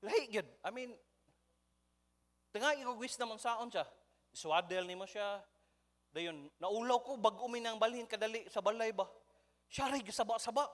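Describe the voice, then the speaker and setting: A man with a Cebuano accent preaching a sermon in a church, telling stories in an animated way and mixing in English. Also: high-pitched, moderate pace, long pauses. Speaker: pastor. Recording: long church hall reverb.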